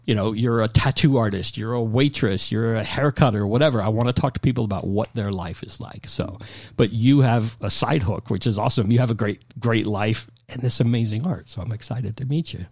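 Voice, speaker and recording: A man's voice: fairly low pitch, fairly quick, a little mellow, no room sound, clean studio sound. A man hosting a casual conversational interview, chatty and self-deprecating, telling stories from his own life. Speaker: podcast host.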